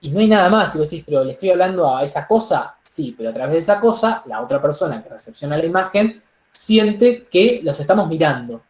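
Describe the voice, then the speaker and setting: A man with an Argentine accent teaching public speaking in an online workshop, animated, with frequent "digo" and "entonces". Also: a little high, brisk, echoey room. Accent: Argentine Spanish. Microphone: laptop microphone on a video call.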